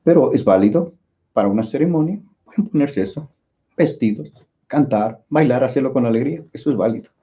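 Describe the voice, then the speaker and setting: A man's voice: medium pitch, lively intonation, fairly quick, lo-fi sound. A man with a Mexican Spanish accent teaching an informal online language class, rambling with many fillers and restarts.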